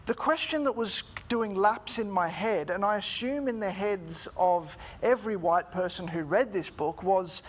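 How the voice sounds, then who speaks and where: Measured man giving a formal talk. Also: sits high. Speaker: speaker giving a talk, student teacher. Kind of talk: prepared formal talk, book critique.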